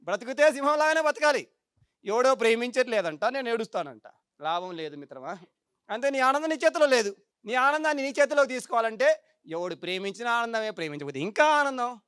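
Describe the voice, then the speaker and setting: A man's voice: extremely high pitch, a little fast, smooth, no room sound, clean studio sound. A man giving a motivational meditation talk, who keeps asking the audience for agreement and mocks everyday complaints. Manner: lively, repetitive, mocking tone. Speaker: meditation speaker.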